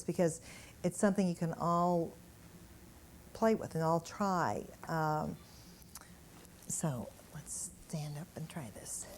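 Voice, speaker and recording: A woman speaking to a gathered audience in an indoor room, sharing healing stories in an animated, chuckling way. Her voice sits somewhat low and sounds mellow and warm. The tone is that of a workshop talk mixing anecdotes with demonstration. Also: a little hiss or hum. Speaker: energy healer giving a workshop talk.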